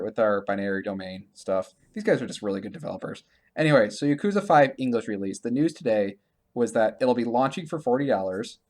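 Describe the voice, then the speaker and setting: A man hosts a video game podcast, chatting casually about gaming news in a fairly low, darkish voice. He rambles and stammers, often repeating himself.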